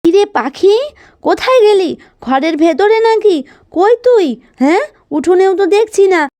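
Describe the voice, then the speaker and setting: Brief: a fussing, caring village mother for a doll story, played by a woman, high and mellow. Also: lively intonation, a little slow. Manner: fussing, scolding then soothing.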